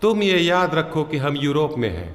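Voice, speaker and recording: A man's voice: a little high, very animated, moderate pace, no echo. An actor dubbing a formal male European banker who speaks in a polite but firm way. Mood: stern. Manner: formal, pleading. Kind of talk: film dub.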